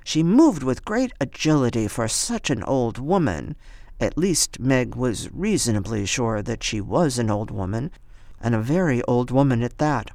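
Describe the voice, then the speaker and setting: An audiobook narrator reading a novel aloud with expressive storytelling. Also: mid-range voice, a little slow, dry recording.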